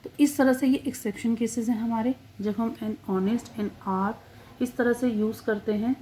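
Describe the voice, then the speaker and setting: A woman teaching English grammar, drawing out example words slowly to stress their sounds. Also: a little high, fairly even intonation, dark tone, a little hiss or hum. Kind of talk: classroom-style grammar lesson.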